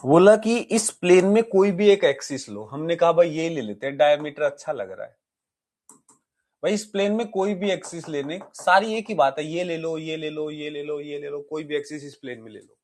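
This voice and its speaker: High-voiced, lively male physics teacher. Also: normal speed. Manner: lively, chatty teaching that asks the students questions; mixes English terms into Hindi explanations. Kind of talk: exam-prep physics lecture.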